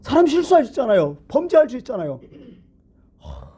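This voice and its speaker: A man preaching a Sunday sermon as pastor, talking conversationally and asking the congregation questions, jumping between loud emphasis and hushed asides. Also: on the high side, sing-song, a little fast, husky.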